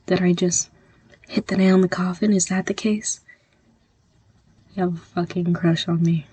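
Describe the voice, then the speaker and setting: A woman's voice: lowish voice, steady tone, normal speed, dark tone, slightly rough, no echo. A young woman voicing an abrasive female college classmate in an audio role-play, blunt and swearing as she confronts someone. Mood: incredulous.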